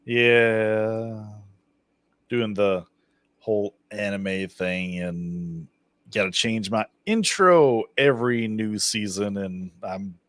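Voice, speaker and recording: A man's voice: on the low side, slow, fairly bright tone, dry recording, studio quality. A man hosting a casual stream chat, laid-back, swearing and laughing often.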